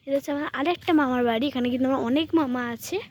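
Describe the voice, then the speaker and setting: A woman's voice: sits high, very fast, no room sound. A woman giving a casual walking tour for her vlog. She talks straight to her viewers, keeps pointing things out, and films with a handheld phone outdoors in a village. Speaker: vlogger. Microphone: handheld phone while filming.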